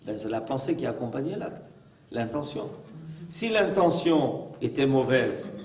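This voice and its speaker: A man's voice: mid-range voice, lively intonation, a little slow, darkish tone, slight background noise. A man as a rabbi giving a religious lesson, emphatic and full of rhetorical questions. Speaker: rabbi teaching a class. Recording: echoey room, mic far off.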